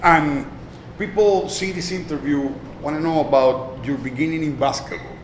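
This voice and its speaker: A man with a Puerto Rican accent hosting a sports interview show, reading sponsor plugs with punchy emphasis and asking questions in halting English. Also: a little high. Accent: Puerto Rican Spanish. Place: restaurant. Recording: roomy echo with faint background noise.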